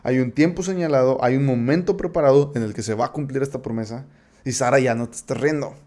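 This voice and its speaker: A man with a Mexican Spanish accent leads a relaxed Bible study. His voice is warm and mellow and sits at an ordinary pitch. He talks in a halting, conversational way, restarting phrases and checking in with his listeners. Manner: conversational, checks in with frequent tag questions. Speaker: Bible teacher. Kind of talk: casual Bible study talk.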